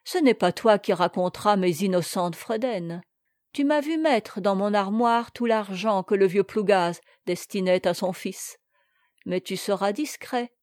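A woman's voice: mid-range voice, darkish tone, no echo, clean studio sound, natural voice. A woman reading aloud voices a scheming, greedy aging male steward who talks with fervent, sneering intensity.

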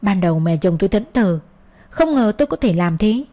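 Woman reading a sad first-person story, bitter and hurt, normal middle pitch. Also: animated, a little fast, mellow. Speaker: narrator.

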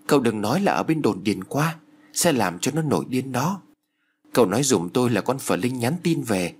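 A man voicing a village woman who guides a visitor and speaks to him in low, confiding tones. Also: very animated, normal speed, breathy edge. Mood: hushed. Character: guiding village woman, hushed and secretive.

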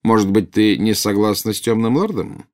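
A calculating male double agent read by a man speaks in a low, silky, unhurried tone. Every reply sounds measured and quietly condescending. This storybook voice stays cool and controlled. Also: lightly acted. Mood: cold, silky.

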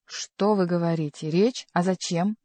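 A woman voicing a sly, mocking Gascon man who teases with quick exclamations. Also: lowish voice, mellow, no room sound. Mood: teasing. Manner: teasing, exclamatory.

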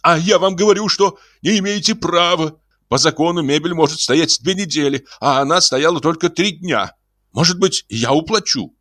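A man's voice: on the high side, moderate pace, a bit bright, dry recording, clean studio sound, pitched above the performer's own voice. A man voicing a fawning, giddy grown man who gushes in breathless sighing exclamations in an audiobook. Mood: pleading. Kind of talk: audiobook character voice.

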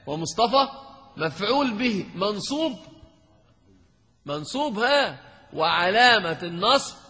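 A man teaching a grammar lesson to a class, lively and quizzing his students. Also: on the high side, husky. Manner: lively, questions and teases students. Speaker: sheikh teaching Arabic grammar. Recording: dull lo-fi hall recording.

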